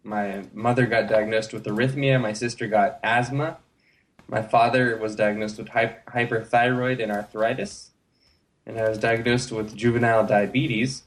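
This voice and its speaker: In a casual interview, a guest in his thirties from the United States relates his own story, sounding easygoing and leaning heavily on filler words. His pitch is medium and his speed is normal.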